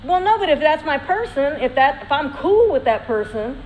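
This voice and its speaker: A woman's voice: high voice, sing-song, normal speed, dull audio, slight background noise. A woman co-hosting a casual podcast chat, talking things through and hedging her opinions. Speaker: co-host.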